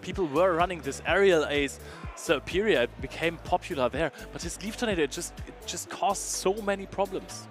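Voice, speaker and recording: A man co-commentating a live tournament, analysing in a relaxed way and laughing easily. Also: a little high, normal speed, soft background music. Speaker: esports co-commentator.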